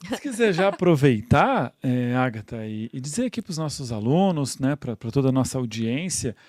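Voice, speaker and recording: A podcast host who puts short, friendly questions to the guest and keeps the chat moving. The voice sits at a middle pitch. It is recorded dry, with no room echo. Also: big pitch swings, normal speed, darkish tone. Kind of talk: casual podcast interview.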